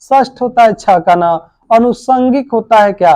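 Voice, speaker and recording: High-voiced teacher quizzing spellings. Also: male voice, normal speed, darkish tone, no echo. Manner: quizzing questions, then answering them himself; addresses students familiarly as "babu" and "bhai". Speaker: coaching teacher. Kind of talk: exam-prep spelling lesson.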